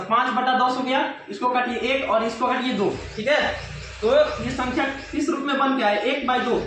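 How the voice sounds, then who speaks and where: A young male maths teacher with a very high voice talks through a lesson in a very echoey room with a faint hiss behind him. He keeps repeating key terms and asks questions only to answer them himself. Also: pushed and bright.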